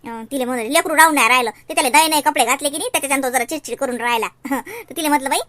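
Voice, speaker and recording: Brief: fast-talking woman with a bright, sharp voice in a village comedy sketch. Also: sits high. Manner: chatty, fussing village banter.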